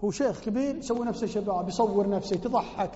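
A man's voice: high-pitched, quick pace, mellow. A man preaching in a mosque, explaining a poem with fervent emphasis and repeating phrases for stress. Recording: dull lo-fi recording in a reverberant hall.

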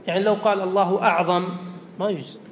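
A man's voice: steady tone, very fast. A man teaching a religious law lesson, reading a line from a text and then explaining it plainly, going back over his points. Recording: echoey hall with faint rumble.

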